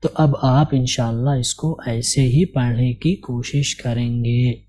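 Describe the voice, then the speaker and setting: Man, English teacher, slow drilling delivery, dark mellow voice, Urdu-tinged Hindi. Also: mid-range voice, fairly even intonation, a little hiss or hum. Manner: slow, drills each letter and repeats it with questions; Urdu-flavoured Hindi speech. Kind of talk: spoken English lesson.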